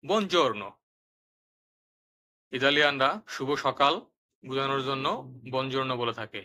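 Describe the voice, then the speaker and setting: A man narrating a step-by-step language lesson, explaining pronunciation rules and repeating each example word twice, slowly and clearly. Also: medium pitch, level tone, sharp tone. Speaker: language teacher.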